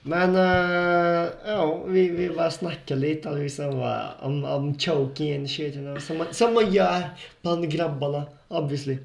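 A young man with a slightly raised voice tells a story on a podcast among friends, laughing often and dropping English slang into his talk. The sound is roomy, with a clear echo around him. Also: fairly high pitch, fairly even intonation, few pauses. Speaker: podcast co-host. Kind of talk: casual chat among friends.

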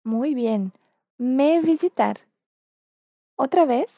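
In a lesson on her native Portuguese, a slow, patient teacher whose voice sits high uses lively intonation as she models words slowly for the learner to repeat. There's no echo, and the sound is dull, dry and lo-fi.

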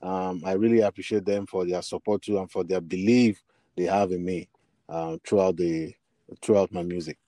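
This is a musician guest, a bassist and singer with a Nigerian accent, recounting personal stories in an interview. His voice sits low and mellow, at a moderate pace with fairly even intonation, and the recording has no room sound. He often falters and repeats words while finding his phrasing.

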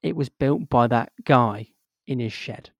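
A man's voice: medium pitch, measured pace, no room sound, lo-fi sound. Gushing man on a podcast. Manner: enthusiastic, rambling, gushing. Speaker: podcast co-host. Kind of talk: casual chat.

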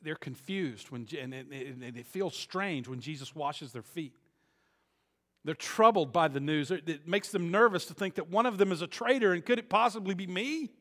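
A man preaching a sermon, moving between quiet reflective passages and loud, emphatic peaks, often repeating words as he stresses a point. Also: fairly high pitch, moderate pace. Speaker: pastor.

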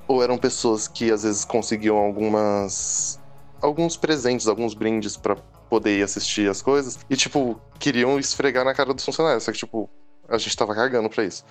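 A young man with a Brazilian Portuguese accent telling a work story on a podcast, animated and acting out the people he quotes. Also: clear, resonant tone. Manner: animated, acts out quoted customers and staff with rising pitch. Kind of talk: casual storytelling chat.

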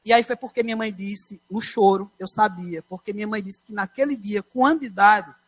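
A young man from Brazil with a São Paulo accent tells his faith story from the pulpit. His voice sits high for a man. He tells the story with animation and acts out the quoted lines. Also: brisk. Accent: Brazilian Portuguese, São Paulo. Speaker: preacher giving testimony. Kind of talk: personal testimony.

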